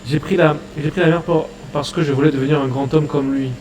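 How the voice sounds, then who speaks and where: A man's voice: on the high side, fairly even intonation, a little fast, darkish tone, roomy sound, recorded from a distance, slight background noise, close to an everyday voice, low-quality recording. A man reading Caribou, an eager pirate fanboy. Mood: pleading. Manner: eager and pleading.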